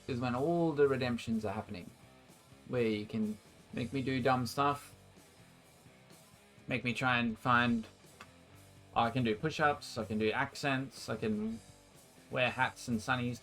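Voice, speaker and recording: A man's voice: medium pitch, a bit bright. An Australian man casting esports and chatting casually with his stream viewers, energetically hyping them up. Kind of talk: casual stream chat and play-by-play commentary.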